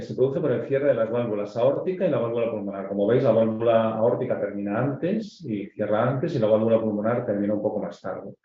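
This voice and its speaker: Warm and mid-range, this Spanish man's voice carries a Castilian accent as he teaches residents about pediatric cardiology, his specialty. His step-by-step explanations are peppered with fillers, and the recording is dull with an echo.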